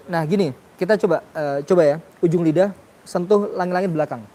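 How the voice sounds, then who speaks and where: A man's voice: sits high, brisk, dark tone. A man teaching a class on Quranic pronunciation, questioning his students and sounding out letters for them. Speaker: tajwid teacher.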